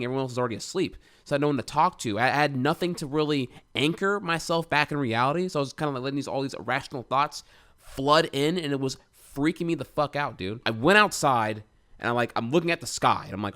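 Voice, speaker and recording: A man's voice: mid-range voice, fairly bright tone. A young man telling a personal story in a candid, rambling way, with many restarts and frequent swearing. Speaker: streamer.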